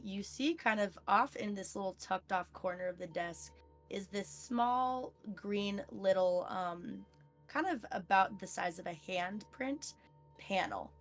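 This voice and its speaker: A woman narrating a tabletop game as game master, describing scenes steadily. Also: mid-range voice.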